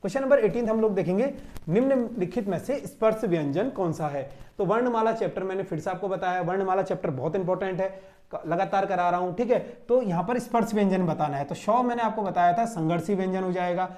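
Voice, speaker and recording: High-voiced exam coach drilling answers. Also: male voice, fast, a little mellow. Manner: repetitive drilling, rhetorical questions answered himself. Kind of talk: classroom exam-solution lecture. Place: classroom standing at a board.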